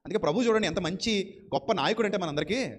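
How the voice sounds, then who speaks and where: A man's voice: high-pitched, fast. A man preaching a sermon with fervent repetition and rhetorical questions.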